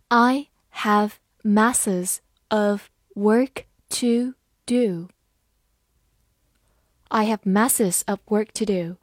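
A woman with Mandarin as her first language teaching English vocabulary in a scripted lesson, reading sentences slowly and spelling words letter by letter. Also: fairly high pitch, darkish tone, dry recording, studio quality. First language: Mandarin Chinese.

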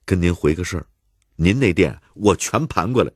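A man's voice: low voice, lively intonation, moderate pace, breathy edge, dry recording, clean studio sound. A man with a Beijing accent voicing a jovial, stubborn old Beijing bird fancier who jokes wryly. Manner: wry joking banter.

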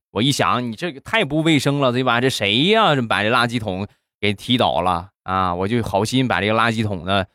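A man's voice: lowish voice, no echo, clean studio sound. A man hosting a comedy show and telling short joke stories in a conversational way. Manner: animated, conversational. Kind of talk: storytelling jokes.

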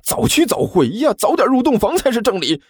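A man's voice: very high-pitched, sing-song, husky, no room sound, studio quality, pitched above the performer's own voice, exaggerated voice. A man doing a brash whiny young disciple. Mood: impatient. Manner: indignant, fast and complaining. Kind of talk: storytelling narration with character voices.

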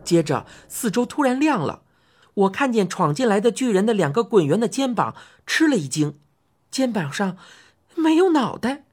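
A woman narrating a children's fantasy story as an audiobook, expressive and rising to cries in excited passages. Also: mid-range voice, moderate pace, slightly rough.

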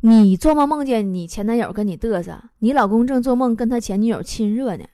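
A woman hosting a comic talk show, reading out listener messages and answering them with teasing, sharp-tongued jokes. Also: a little high, a little fast, background noise. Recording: studio voice over music.

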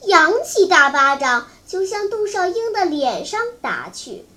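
A storyteller reading a long storybook aloud in a slow, careful way. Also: very high-pitched, sing-song, sharp tone.

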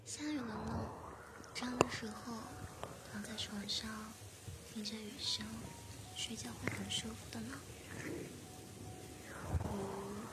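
A woman in a whispered role-play, voicing a gentle, doting maid who soothes her master with a spa-like whisper. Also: on the high side, close to an everyday voice. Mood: tender, sleepy.

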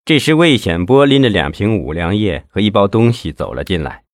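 A man narrating a crime novel in a lively storytelling manner. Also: fairly low pitch, fairly quick, no echo, studio quality. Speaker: audiobook narrator. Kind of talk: scripted narration.

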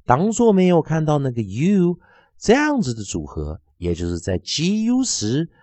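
A male phonics teacher whose pitch swoops widely from high to low as he explains. He talks at an unhurried, deliberate pace and drills each letter sound over and over. The sound is dry and close. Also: warm tone, no room sound. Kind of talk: online phonics lesson.

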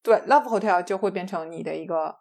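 A woman's voice: lowish voice, a little fast, darkish tone. A woman guest in a casual podcast chat, explaining at length in an easy, conversational way. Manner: explanatory, laughs easily, conversational fillers.

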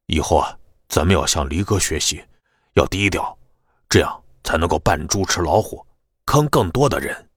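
A man voicing a gruff, scheming driver who talks low and knowingly. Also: lively intonation, normal speed, dry recording, studio quality. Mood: sly. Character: gruff male driver sidekick, sly and scheming.

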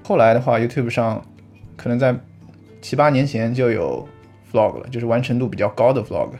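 A man of middle pitch talks as a podcast guest, explaining things patiently and thinking aloud as he goes. He drops easy laughs into his talk. Faint music plays behind him. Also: moderate pace, a little mellow. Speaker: podcast guest, vlog creator. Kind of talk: casual podcast chat.

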